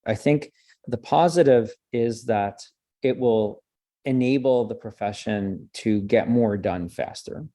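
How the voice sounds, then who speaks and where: A native French speaker from French Canada, a communications professor, answers interview questions thoughtfully and discursively, often restarting and adding "right?". His medium-pitched voice is slow and warm, captured in a dry, clean studio recording.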